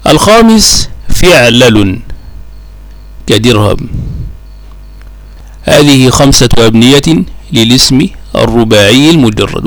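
A man teaching a classical Arabic grammar lesson, slow and measured, drawing out each example word. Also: mid-range voice, dry recording.

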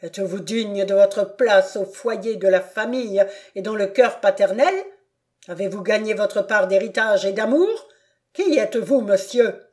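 A woman's voice: mid-range voice, unhurried, warm tone, close to an everyday voice. A woman voicing a proud, furious aristocratic father who thunders accusations at his son in an audiobook.

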